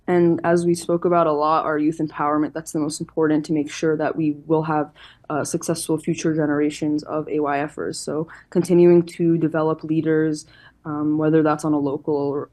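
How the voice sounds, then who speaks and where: The interview guest, a youth organization's chairperson, answers formally and earnestly, explaining on the organization's behalf. Her voice is low-pitched and a little mellow, with a flat delivery at normal speed.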